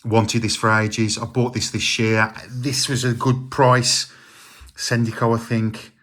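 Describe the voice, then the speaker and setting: A man's voice: medium pitch, slow. A middle-aged man, chatting casually about his retro game collection with lots of ums and uhs. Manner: relaxed, rambling, many ums and uhs.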